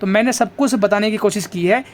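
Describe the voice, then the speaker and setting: A man's voice: sits high, brisk. A man talking casually straight to his viewers as a YouTuber, earnest and urging, often repeating his key points. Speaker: YouTuber for exam aspirants. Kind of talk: casual direct-to-camera talk.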